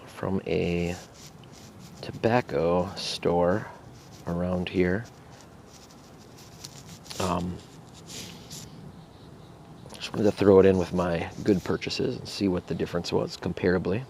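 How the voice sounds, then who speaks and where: A man with a low voice and plenty of gravelly fry talks through a casual review. He is laid-back and halting, thinking out loud as he goes. There is faint background noise under the recording. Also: fairly even intonation. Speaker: pipe tobacco reviewer. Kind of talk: casual unscripted product review.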